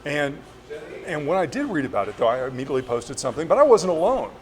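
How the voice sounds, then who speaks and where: A man interviewing a local business owner on camera, friendly and supportive, asking quick follow-up questions. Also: fairly high pitch, big pitch swings.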